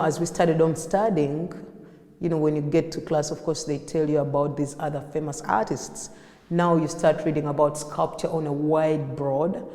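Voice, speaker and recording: A woman in her thirties with a Ugandan accent, an artist recalling her life story in a reflective, unscripted interview, pausing and restarting often. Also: low-pitched, dark tone. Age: 30s. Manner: reflective, with frequent fillers and restarts. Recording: echoey room with long reverb.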